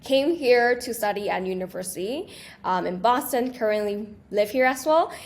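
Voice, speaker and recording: A young Taiwanese woman, a small business creator, is a guest on an interview show, chatting eagerly and casually with lots of restarts and fillers. She's animated, with a voice on the high side and normal speed.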